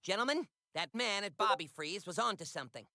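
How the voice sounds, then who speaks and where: A voice actor playing an eager, dramatic nerdy teenage boy in an animated sitcom. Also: mid-range voice, brisk, gravelly, music in the background. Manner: excitable, theatrical outbursts. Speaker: cartoon character.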